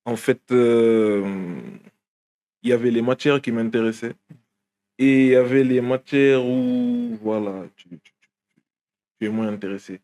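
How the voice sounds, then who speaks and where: A man's voice: medium pitch, animated, a little slow, pauses often, warm tone. A young man from Guinea, a rapper, talking casually in an interview with many fillers and restarts. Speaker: rapper guest.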